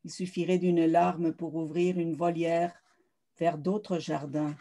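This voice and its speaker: Flat, mellow-voiced woman reading poetry. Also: on the low side, slow. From South America. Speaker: poet.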